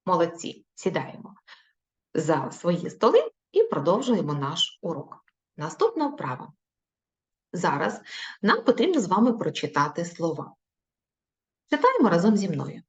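A woman teaching young children in a recorded video lesson, speaking slowly in an encouraging, sing-song way. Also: on the low side, huge pitch swings. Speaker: primary school teacher. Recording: dull lo-fi recording.

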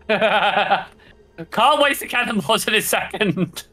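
Very bright, high-pitched man gaming casually. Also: slow pace. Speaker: co-player in a game. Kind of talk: casual gameplay chat. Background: game music.

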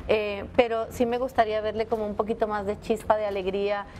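A woman's voice: medium pitch, level tone, fast, a little mellow. A woman hosting a TV show, commenting conversationally in a studio. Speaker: TV show host.

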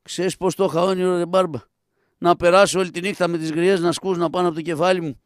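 A man voicing a cheeky, quick-witted male trickster in a traditional shadow-puppet play, wisecracking and sly. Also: high voice, little pitch movement, no room sound, studio quality, close to an everyday voice. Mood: mocking. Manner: wisecracking, sly, mock-complaining.

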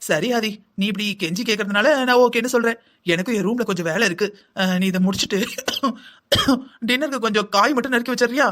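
A man's voice: high voice, fast talker, fairly bright tone. A man voicing a lazy, scheming young wife in a cartoon, whining and complaining in long sing-song lists. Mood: sly. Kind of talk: cartoon voice acting.

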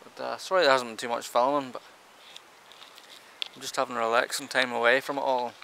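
A Northern Irish man in his thirties chatting casually to his camera while camping, relaxed and easygoing, recorded outdoors at arm's length. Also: mid-range voice, brisk, creaky, low-quality recording. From Northern Ireland. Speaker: camping vlogger. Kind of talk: casual vlog talk to camera. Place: outdoors in a rural campsite and in a car. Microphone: handheld camera at arm's length. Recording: outdoor camera audio with wind and background noise.

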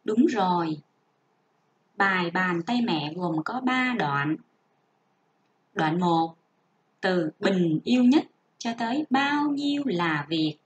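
A woman teaching a first-grade reading lesson online, reading slowly and spelling out each sound for young children. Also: lowish voice. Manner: slow, careful, drawn-out model reading and spelling out sounds. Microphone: home recording for an online class. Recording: dull lo-fi sound.

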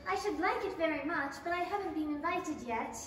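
A woman's voice: very high voice, fairly quick, a bit bright. A woman playing a polite, earnest, easily startled young girl in a theatrical radio play style. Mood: curious. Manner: exclaiming, theatrical, prim. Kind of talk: 1930s radio play acting. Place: small indoor theatre stage, camera at a distance. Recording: very echoey hall from far off, noisy.

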